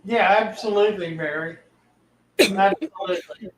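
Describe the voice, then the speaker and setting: Reading out viewer comments on his fish-keeping livestream, this older host keeps the chat casual, folksy and relaxed. He has a high voice and a moderate pace, captured in a rough, roomy recording with slight background noise.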